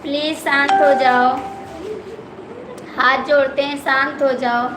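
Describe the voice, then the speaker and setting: A woman with an Awadhi accent hosting a live stream, pleading again and again with her viewers to calm down. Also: sits high, slow. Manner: pleading, repeatedly calming viewers. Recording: echoey room with background noise.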